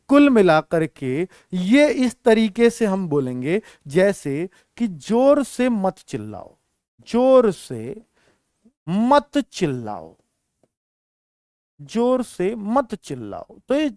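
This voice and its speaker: A man's voice: high voice, a little mellow, clear, resonant tone, dry recording, studio quality. A man teaching an exam-prep grammar lesson, calling the students children and often checking that they follow. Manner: addresses students as children, asks checking questions. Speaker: Hindi teacher.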